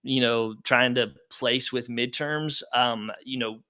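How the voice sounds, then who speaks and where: A man's voice: mid-range voice, steady tone, slow, sharp tone. A middle-aged man presenting a live webinar and taking audience questions, speaking in a casual, upbeat, conversational way with plenty of fillers.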